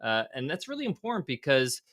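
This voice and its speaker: A man's voice: mid-range voice, wildly swooping pitch, brisk, fairly bright tone, dry recording, clean studio sound. A middle-aged man, a guest entrepreneur, speaking candidly in a casual podcast interview with frequent fillers and restarts. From United States.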